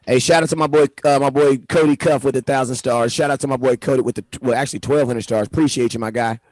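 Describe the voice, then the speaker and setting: A man hosting a casual livestream in laid-back, slangy banter. His voice comes through a computer mic with the gain pushed too high, so it sounds fuzzy and distorted. The sound is dry, with no room around it. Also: steady tone, fast, a little mellow, no room sound. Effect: distorted, overdriven mic with fuzz. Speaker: livestream host.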